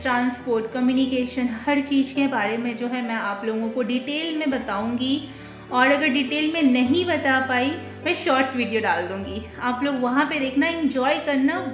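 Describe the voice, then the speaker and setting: Chatty woman vlogging in an echoey kitchen. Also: high voice. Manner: chatty, friendly, with fillers and small laughs. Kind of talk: casual chatty vlog. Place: home, quiet flat in the kitchen. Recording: echoey room with faint music.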